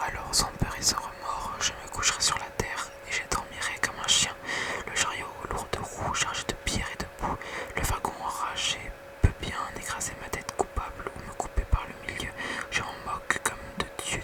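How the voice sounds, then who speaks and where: A very quiet, night-time whisper reading poetry softly in an ASMR bedtime style. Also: normal speed. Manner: hushed bedtime reading with casual whispered asides. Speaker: ASMR reader.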